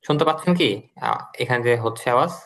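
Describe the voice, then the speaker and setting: A man's voice: on the high side, fast talker, fairly bright tone, low-quality recording. A man teaching an online English class, explaining patiently and repeating drills for students.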